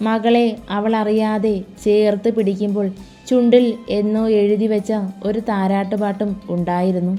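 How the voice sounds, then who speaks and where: A woman storyteller giving a soft, expressive reading of a romantic novel. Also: mid-range voice, normal speed. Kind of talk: scripted audiobook narration. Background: faint music.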